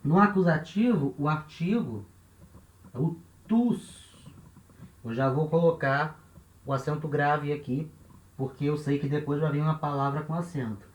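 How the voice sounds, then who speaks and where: A man with a Brazilian Portuguese accent and a fairly high voice teaches grammar at a board, moving at a moderate pace. He is patient, repeats the key points, and checks in with his listeners along the way. The room gives the recording a noticeable echo.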